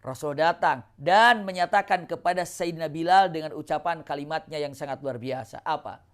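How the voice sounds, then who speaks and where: A woman's voice: sits low, brisk. A woman, telling an Islamic religious story in a lecture and answering her own rhetorical questions. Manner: animated, asks rhetorical questions and answers them.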